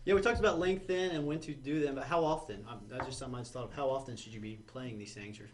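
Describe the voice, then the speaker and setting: Male podcast host, fast and casual, faint hum under the voice. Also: medium pitch. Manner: quick, relaxed, asks questions with fillers. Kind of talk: casual business podcast chat.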